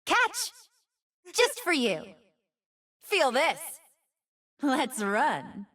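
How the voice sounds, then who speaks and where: High, expressive fox spirit Ahri. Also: female voice, extremely slow, recorded from a distance, heavily acted. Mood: playful, teasing. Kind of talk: game character voice lines.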